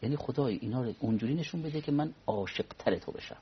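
A man speaking as a cleric guest on a religious talk program, explaining in a measured way and quoting Arabic prayers. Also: mid-range voice, lively intonation, highs cut off, a little hiss or hum. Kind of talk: religious discussion.

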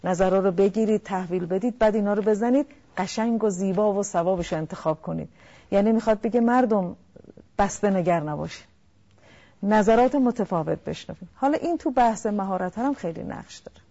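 Mellow-voiced woman counselor, lo-fi broadcast. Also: medium pitch. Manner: calm, explanatory, addresses listeners directly. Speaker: family counselor guest. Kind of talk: talk-show advice.

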